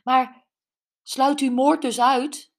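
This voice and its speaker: A woman voicing an eager, nosy middle-aged amateur sleuth who fires excited questions. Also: mid-range voice, measured pace.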